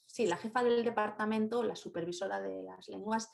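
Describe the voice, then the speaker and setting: A woman's voice: medium pitch, fairly even intonation, a little fast, creaky. Chatty woman with a Spain Spanish accent. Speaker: Spanish teacher. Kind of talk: casual conversation.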